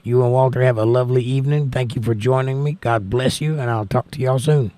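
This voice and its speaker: Reading viewer messages aloud during a casual live chat, an American livestream host speaks briskly and steadily in a crackly, medium-pitched, mellow voice. The recording is dry. He is folksy, thanking and blessing those listening.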